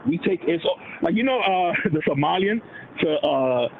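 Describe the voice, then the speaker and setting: Talking politics in a relaxed, slangy way, a man of Dominican heritage keeps adopting voices for those he quotes. His slightly high, creaky voice moves at a moderate pace and reaches us through a narrow, tinny phone-like connection with constant noise behind it.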